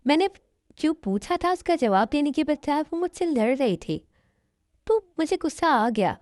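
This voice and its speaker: A woman's voice: high-pitched, sing-song, moderate pace, darkish tone, no room sound, clean studio sound. A woman voicing a hot-tempered young husband who speaks tensely and apologetically in a fan-made dub drama. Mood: apologetic.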